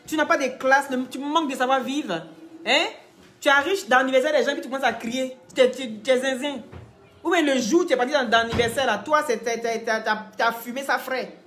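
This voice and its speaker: Woman, high voice, scolding gossip commentary, mocking tone. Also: fairly bright tone. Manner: scolding, mocking, talks straight to the people she criticizes. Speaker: online commentator.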